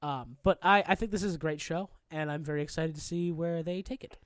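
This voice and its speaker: A man's voice: a little high, fairly quick, clean tone, no room sound, studio quality. A man hosting a casual podcast chat, joking loosely and swearing often. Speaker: podcast host.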